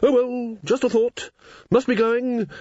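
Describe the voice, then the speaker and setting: A man's voice: extremely high pitch, steady tone, a little slow, darkish tone, no room sound, voice pushed up. A man voicing a bossy, hearty female Valkyrie warrior with a jolly, commanding manner. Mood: brisk. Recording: dull lo-fi recording.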